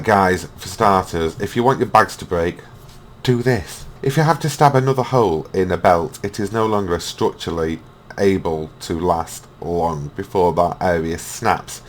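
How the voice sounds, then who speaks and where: A man hosting a reaction video, mocking and swearing as he rants. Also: fairly low pitch. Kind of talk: ranting reaction commentary.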